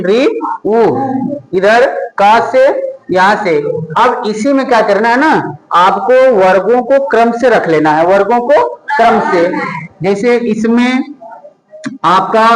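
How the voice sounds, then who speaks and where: A man teaching a class, asking a question and then giving the answer himself, spelling out each item slowly and one by one. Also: high-pitched, echoey room, poor audio. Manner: repetitive question-and-answer drilling, slow deliberate spelling out. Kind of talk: classroom lesson with call-and-response drilling.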